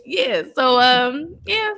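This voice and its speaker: A woman hosting a podcast, chatting casually and with animation about a movie, slangy and quick to laugh. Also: sits high, lively intonation, vocal fry, crowd noise. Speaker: podcast host. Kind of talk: casual movie recap chat.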